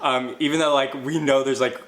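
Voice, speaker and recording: A young man in casual chat with his siblings, telling a story with excitement and acting out the quotes. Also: medium pitch, a little fast, echoey room.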